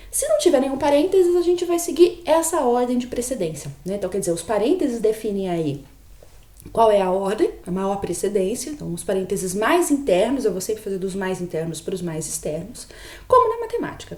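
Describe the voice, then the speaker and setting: A woman's voice: a little high, warm tone, roomy sound. A woman giving a logic lecture, patiently explaining and often checking in with her students. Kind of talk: recorded online lecture.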